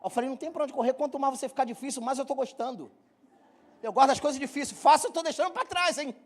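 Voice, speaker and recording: A middle-aged man from Brazil preaching to his congregation, telling a funny personal story in a joking, animated way and speaking straight to the people. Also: very high voice, fast. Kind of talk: humorous sermon storytelling. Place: church hall.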